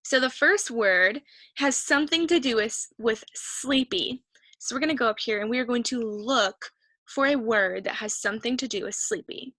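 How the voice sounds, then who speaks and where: Encouraging woman teacher, higher voice. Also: moderate pace, pushed and bright, dry recording. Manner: patient, encouraging, thinks aloud while searching. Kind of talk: reading comprehension lesson.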